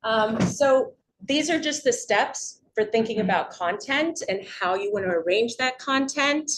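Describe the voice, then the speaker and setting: A woman's voice: on the high side, lively intonation, unhurried, a little hiss or hum, poor audio. A middle-aged woman giving an informal community presentation on public speaking, chatty and upbeat, often checking in with her listeners. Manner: chatty, upbeat, frequent "right?" check-ins.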